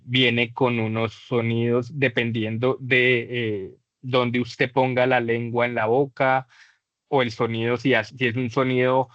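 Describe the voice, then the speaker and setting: A man's voice: mid-range voice, fairly bright tone, no echo. A man teaching an English class, explaining patiently and exaggerating vowel sounds to demonstrate them. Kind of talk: class lecture. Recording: dull lo-fi dry recording.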